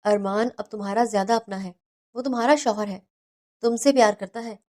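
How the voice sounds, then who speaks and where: A man's voice: sits high, darkish tone, lightly acted. A woman voicing a caring older brother who talks fondly and teasingly to his younger sister on the phone in a storybook reading. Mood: affectionate.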